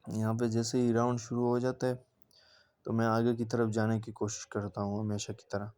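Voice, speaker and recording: Mellow-voiced man narrating gameplay. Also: on the low side, monotone, moderate pace, clean tone. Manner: casual, talks straight to viewers in a recounting tone. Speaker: gaming channel creator. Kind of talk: gameplay commentary voice-over.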